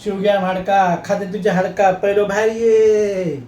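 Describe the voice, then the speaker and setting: A man voicing a hot-tempered chawl neighbour with a Malvani accent, shouting threats. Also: high voice, level tone, normal speed, reverberant, a little hiss or hum, lightly acted. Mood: angry, threatening. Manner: shouting threats, picking a fight.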